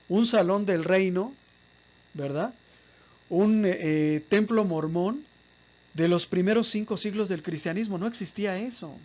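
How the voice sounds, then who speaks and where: High-voiced man lecturing with rhetorical questions. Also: darkish tone, muffled recording. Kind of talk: apologetics lecture.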